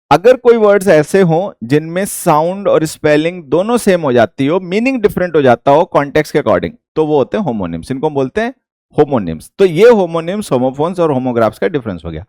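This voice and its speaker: An English teacher from India with an Indian accent, explaining a lesson slowly and repeating each point. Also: male voice, fairly high pitch, big pitch swings, darkish tone, no echo, studio quality.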